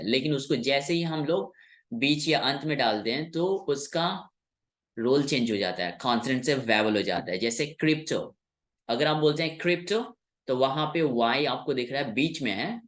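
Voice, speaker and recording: A man whose first language is Hindi, teaching English sounds in a patient classroom explanation, repeating key words slowly. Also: mid-range voice, a bit bright.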